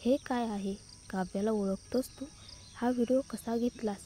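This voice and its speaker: A woman's voice: a little high, fairly even intonation, moderate pace, mellow, slight background noise, natural voice. A woman doing a curt, commanding rich young man. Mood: stern commanding.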